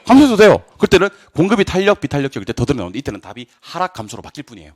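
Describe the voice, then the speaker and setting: Male lecturer, fast, very animated pitch, quizzing the class, joking asides. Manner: lively, drills students with quick questions and answers. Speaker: real estate exam lecturer.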